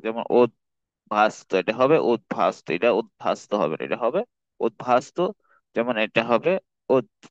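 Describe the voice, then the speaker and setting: Man tutoring, repeating words slowly. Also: medium pitch, clean tone, no room sound, lo-fi sound. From Bangladesh. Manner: reads rules then repeats example words slowly. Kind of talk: classroom grammar lesson.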